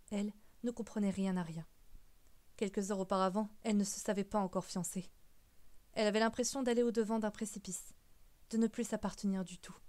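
A woman reading a novel aloud as an audiobook narrator, in a steady storytelling voice. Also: mid-range voice.

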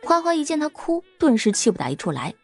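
Lively woman audiobook narrator. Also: high voice, fast talker. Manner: lively, expressive storytelling.

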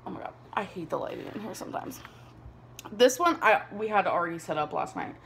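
A woman's voice: fairly low pitch, very animated, fairly quick, creaky, background noise. A woman in her twenties chatting casually to a camera on her desk, rambling and laughing often. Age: 20s. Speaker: vlogger. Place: small bedroom indoors. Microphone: camera on a desk below her.

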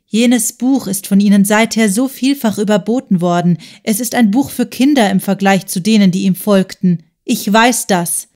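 A woman's voice: medium pitch, moderate pace, hardly any pauses, a little mellow, close to an everyday voice. A woman voicing a stern, principled middle-aged woman in an audiobook, speaking firmly and reproachfully. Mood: relentless. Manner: firm, earnest, reproachful. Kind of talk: audiobook character voice.

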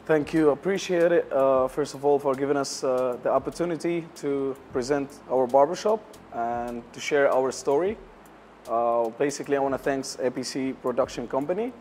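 A young man from Syria answers an interviewer in halting second-language English, leaning on fillers as he finds his words. His pitch sits in a middle range. He sounds close and clear on a lapel mic, with a faint room hum behind him. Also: darkish tone. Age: young adult. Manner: hesitant, many uh fillers, non-native English grammar. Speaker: barbershop owner, interview guest. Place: lounge area of a barbershop, indoors.

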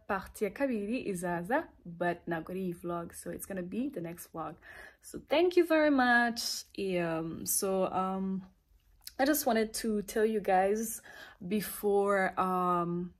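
A woman in her twenties records a casual vlog voiceover and switches between Kinyarwanda, French and English. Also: mid-range voice. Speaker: vlogger. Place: in a car and a restaurant. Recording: music playing under the voice.

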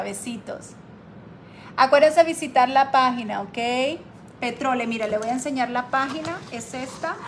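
A woman hosting a casual live craft tutorial, chatting warmly with her viewers and reading their comments aloud. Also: sits high, background noise. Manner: chatty, affectionate, calls viewers "my girls", reads comments aloud. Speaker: craft livestream host.

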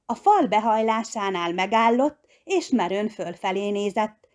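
A woman reading a children's story aloud, lifting her voice on key words. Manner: expressive, pitch leaping on key words. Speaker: audiobook reader. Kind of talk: storybook narration.

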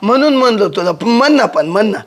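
A man's voice: high-pitched, lively intonation, fast talker. A man playing an easygoing village husband in a comedy skit, teasing his wife in a rustic way. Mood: bantering. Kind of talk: comic domestic banter.

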